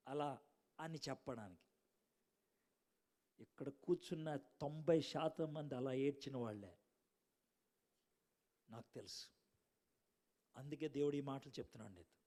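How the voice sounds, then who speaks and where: A man preaching a sermon to a congregation, telling stories and swinging from loud bursts to hushed asides. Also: on the high side.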